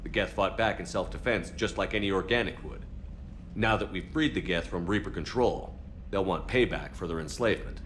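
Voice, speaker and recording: A man's voice: sits low, brisk, a bit bright, slight background noise. A man playing a resolute military spaceship commander in a video game, firm and plain-spoken. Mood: firm, assured.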